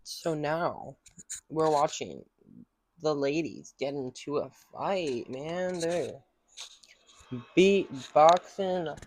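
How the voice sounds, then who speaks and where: Male vlogger, somewhat high voice, sarcastic, exasperated, swears freely. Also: drawn-out words, long pauses, over music. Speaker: reaction vlogger. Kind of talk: casual reaction commentary.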